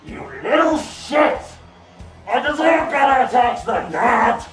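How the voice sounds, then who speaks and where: A man playing a boastful, petty villain overlord who shouts taunts and insults in a comedy sketch. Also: extremely high pitch, very animated, takes it slowly, heavily acted. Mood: furious. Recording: echoey room from a distance over music.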